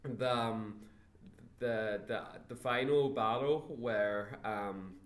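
A man co-hosting a casual film chat, jokey and halting with many ums. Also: fairly low pitch. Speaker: podcast co-host. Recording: roomy echo.

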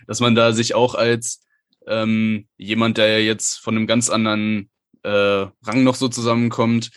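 A man's voice: lowish voice, fairly bright tone, no echo, studio quality. A man hosting an aviation podcast, asking questions in a friendly, chatty way. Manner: friendly, chatty, many fillers. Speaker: podcast host, interviewer. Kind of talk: casual interview chat.

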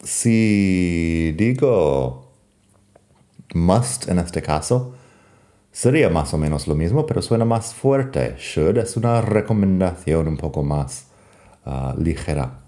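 A man from the United States, an English speaker teaching English grammar in a bilingual lesson, patiently repeating example sentences and pausing with fillers. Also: low-pitched, animated, mellow.

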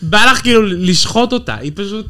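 A man co-hosting a podcast in casual chat, expressive and given to exclamations. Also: a little high, very noisy. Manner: expressive, acts out quotes with exclamations. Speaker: podcast co-host. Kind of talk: casual chat reviewing a reality show.

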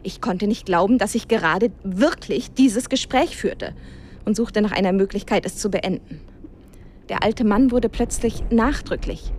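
A woman's voice: mid-range voice, a little slow, darkish tone, slight background noise. A woman telling a tense story in the first person, as scripted narration framed as a spoken letter.

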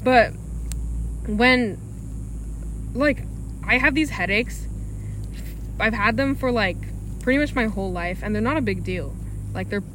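A young woman from Alaska in casual chat on a podcast, giggly and halting as she talks. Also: on the high side, a bit bright, slight background noise.

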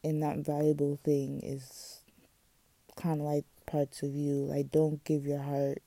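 A woman's voice: low voice, monotone, measured pace, mellow, no room sound. A woman hosting a casual, candid solo podcast, musing and confiding with slang and swearing, her articulation slightly off from wearing a retainer.

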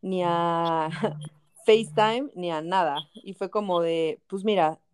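A woman's voice: fairly low pitch, slow, clean tone, dry recording, studio quality. A young woman with a Mexican accent casually telling a personal story, full of fillers and English words. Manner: chatty, fillers like o sea and este, English words mixed in.

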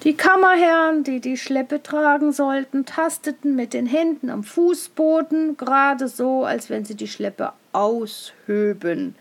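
A woman reading a fairy tale aloud in an expressive storytelling manner. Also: sits high, measured pace, hardly any pauses.

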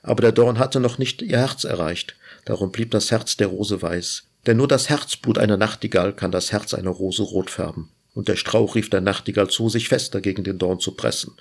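A man hosting a literature show, reading a fairy tale aloud in a measured, lyrical way. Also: on the low side, vocal fry, slightly rough. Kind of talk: storybook reading.

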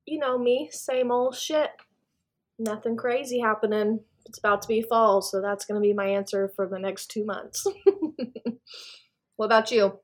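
A woman's voice: on the high side, steady tone, normal speed. A young woman co-hosting a casual podcast, chatty, laughing often and swearing casually. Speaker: podcast co-host.

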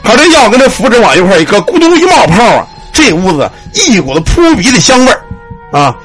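A man telling a ghost story, animated, with shouted cries and sound words. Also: high-pitched, quick pace, faint music behind.

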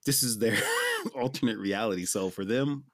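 A man's voice: medium pitch, wildly swooping pitch, moderate pace, fairly bright tone, dry recording, clean studio sound. A man co-hosting a casual movie podcast, enthusiastic and emphatic, laughing often. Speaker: podcast co-host.

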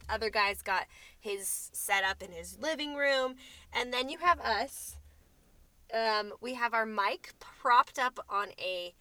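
A young woman co-hosting a podcast from inside a parked minivan, talking in a chatty, giggly way with quick asides. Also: medium pitch, bright, forceful tone, dry recording. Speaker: podcast co-host. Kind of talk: casual chat.

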